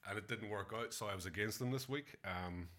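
A man's voice: lowish voice, a little fast, fairly bright tone. A man giving his racing tips and explanations in casual chat. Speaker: greyhound tipster on a talk show.

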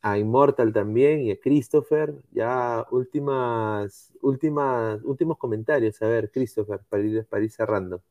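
A man's voice: medium pitch, normal speed, hardly any pauses, mellow, dry recording. A man hosting a casual podcast panel, laughing as he reads out viewer comments, with a Peruvian Spanish accent. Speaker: podcast host.

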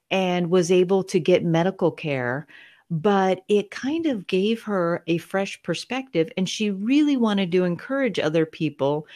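A woman's voice: lowish voice, a little mellow. A middle-aged woman, a guest author, telling stories about her mother in a podcast interview.

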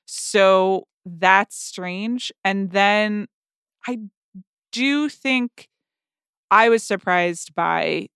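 A woman in her forties co-hosts a podcast in a wry, musing chat. Her voice is bright and smooth, and a little low for a woman. The recording is dry. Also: no echo. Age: 40s. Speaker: podcast host. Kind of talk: casual chat.

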